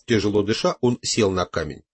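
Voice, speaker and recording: A man narrating an audiobook in first person with a measured, expressive reading. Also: on the low side, slightly rough.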